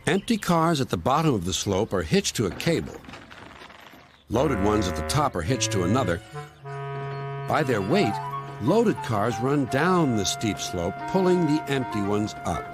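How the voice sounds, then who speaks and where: Highly animated male storybook narrator. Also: a little slow. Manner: very animated, acts out the characters' cries. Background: music.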